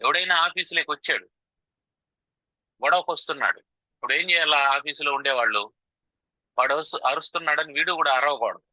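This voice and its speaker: A man giving a spiritual lecture on scripture, explaining with rhetorical questions and chanting verses slowly. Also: on the high side, pushed and bright, no room sound, dull audio. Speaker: spiritual teacher.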